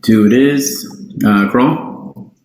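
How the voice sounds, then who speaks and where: A man running a tabletop game as game master, unhurried and hesitant with frequent ums. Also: mid-range voice, darkish tone, reverberant, a little hiss or hum, rough recording.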